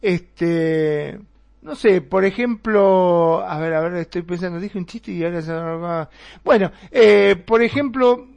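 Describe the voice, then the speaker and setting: Casting: high-voiced man, hesitant, joking. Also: gravelly. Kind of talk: casual radio chat, telling a joke.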